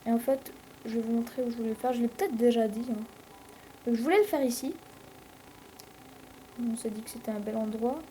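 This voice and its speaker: Une jeune femme à l'français commente sa partie de jeu vidéo sur un ton décontracté et bavard, avec beaucoup d'hésitations. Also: female voice, fairly high pitch, brisk, long pauses, warm tone, slight background noise, low-quality recording. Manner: rambling, chatty, many fillers. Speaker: let's play host. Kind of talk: casual gameplay commentary.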